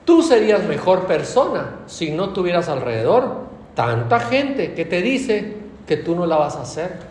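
A man's voice: sits high, a little slow, roomy sound, a little hiss or hum. A man with a Mexican Spanish accent preaching a sermon, often asking his listeners questions. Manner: animated, asks the congregation questions.

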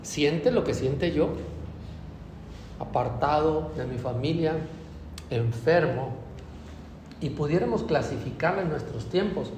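A man preaching a sermon, emphatic and rising to loud declarations, often checking in with the congregation. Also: fairly high pitch, expressive, takes it slowly, pauses often, slight background noise. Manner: frequent tag questions to the congregation. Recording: echoey hall with faint ambience.

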